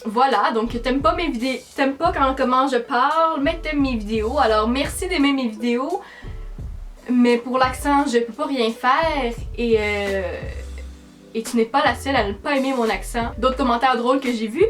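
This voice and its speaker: A high-voiced teenage girl with a strong Québécois French accent talks chattily to her camera. She answers comments in a dry, sarcastic way. Faint music plays softly behind her. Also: normal speed. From Quebec, Canada. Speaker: YouTuber. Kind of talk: casual vlog, reading comments aloud.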